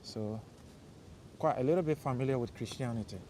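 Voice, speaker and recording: His voice is mid-range and warm, and he talks briskly as he strolls through the city at night, rambling to stream viewers and replying to what they ask. The young man is from Liberia, and faint street and traffic noise runs underneath.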